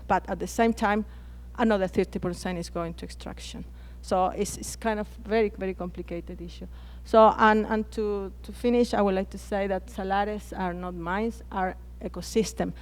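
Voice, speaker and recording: A woman with a Chilean Spanish accent speaks English as a second language at a conference plenary. She talks in a hesitant way, often stopping and restarting her phrases, in a middle-pitched voice. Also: darkish tone. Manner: hesitant, frequent restarts and fillers. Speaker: panelist. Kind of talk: conference panel talk.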